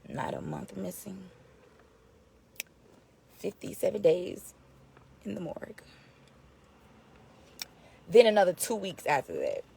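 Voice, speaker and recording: A woman vlogging from a car on her phone, blunt and profane, swinging from soft whispers to loud outbursts. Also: lowish voice, wildly swooping pitch, slow pace, gravelly, long pauses, breathy edge. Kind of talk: emotional personal vlog talk. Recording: noisy background with vehicle sounds.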